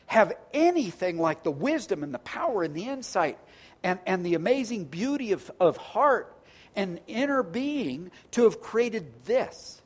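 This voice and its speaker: Earnest conversational preacher. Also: mid-range voice. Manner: conversational, repeats words when restarting; earnest, builds phrases into lists. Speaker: pastor. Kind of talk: sermon.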